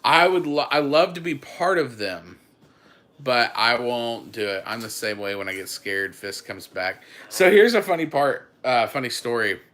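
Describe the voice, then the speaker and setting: A man's voice: mid-range voice, lively intonation, moderate pace, fairly bright tone. A young man chatting casually on a family livestream, greeting viewers by name and teasing himself. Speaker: homestead livestream host.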